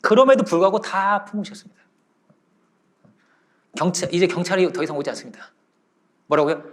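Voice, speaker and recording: A man's voice: sits high, fairly quick. A middle-aged male pastor preaching a sermon, telling a story vividly with sound words and laughs.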